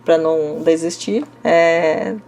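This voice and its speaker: A woman's voice: low voice, fairly even intonation, slow, gravelly, darkish tone. Chatty Paulista woman teaching Korean. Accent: Brazilian Portuguese, São Paulo. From Brazil, interior of São Paulo state. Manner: chatty, frequent fillers like "né?" and "tá?", laughs a little. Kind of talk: casual lesson answering viewer comments.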